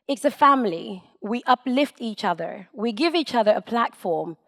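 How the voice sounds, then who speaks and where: Woman speaking in a reverberant hall. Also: mid-range voice. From Sweden. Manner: measured and emphatic, with deliberate pauses. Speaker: public speaker. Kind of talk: prepared public talk. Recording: long reverb in a lecture hall.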